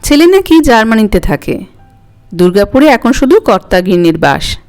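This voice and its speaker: A woman performs an older grandmother in a dramatic story reading, making her coy, wistful and lightly snappish as she fondly scolds and reminisces. She speaks at normal speed in a fairly high, sing-song voice with a darkish tone. Music runs beneath the voice.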